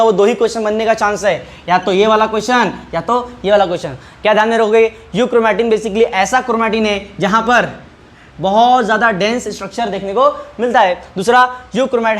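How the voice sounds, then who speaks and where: A man teaching, quizzing and repeating. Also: high-pitched. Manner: asks questions and answers them himself, repeating key terms; checks understanding often with rhetorical prompts. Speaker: biology teacher. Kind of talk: online class lecture.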